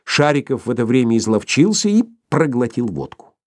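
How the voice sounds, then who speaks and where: A man narrating a literary audiobook with an expressive storytelling delivery. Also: medium pitch, brisk, no room sound, clean studio sound.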